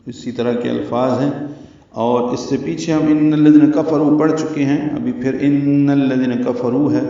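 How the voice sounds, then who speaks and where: A man giving a Quran recitation lesson, explaining the rules step by step in a slow, methodical way and chanting verses, recorded in a very echoey room from a distance with a dull sound. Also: medium pitch, mellow. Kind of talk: tajweed lesson.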